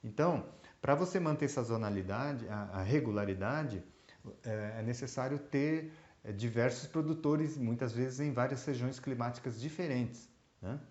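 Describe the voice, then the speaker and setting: A man from Brazil talks through mushroom exporting at a middling pitch. He hesitates often and restarts his sentences. The recording is roomy and slightly muffled. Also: normal speed, a little mellow. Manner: hesitant, many fillers and restarts. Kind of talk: explanatory talk. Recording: roomy, dull lo-fi sound.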